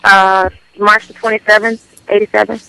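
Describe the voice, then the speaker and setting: A woman's voice: mid-range voice, level tone, normal speed, creaky, bright, forceful tone, no room sound. A woman calling in to a radio show over a phone line, talking casually and a bit hesitantly. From Florida. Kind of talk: casual chat.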